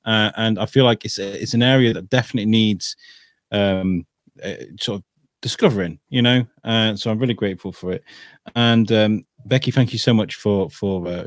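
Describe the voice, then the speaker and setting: Low-voiced hesitant male podcast host. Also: a little fast, dry recording, clean studio sound. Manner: hesitant, many ums and restarts. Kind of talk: casual interview chat.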